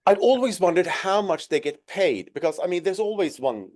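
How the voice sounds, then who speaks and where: A man hosting a business webinar over a video call, chatty and self-deprecating in a relaxed way. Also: high voice, moderate pace. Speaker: webinar host.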